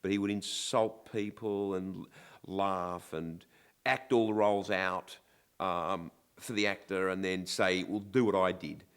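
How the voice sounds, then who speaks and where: A man's voice: deep voice, fairly even intonation, unhurried, a bit bright, clean tone. An older man, reminiscing casually and candidly in an interview with a wry manner.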